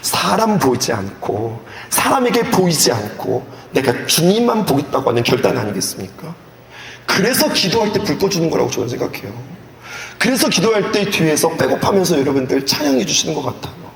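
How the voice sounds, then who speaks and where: A male pastor preaching a sermon at a youth retreat in an animated way, asking the audience questions and acting out scenes. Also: fairly high pitch, brisk, vocal fry. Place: church hall. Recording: echoey hall with faint background noise.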